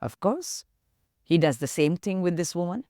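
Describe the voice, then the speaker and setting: A woman's voice: lowish voice, lively intonation, moderate pace, warm tone, no echo, clean studio sound. A woman with an Indian English accent, an activist guest earnestly retelling a story in an interview and voicing its dialogue.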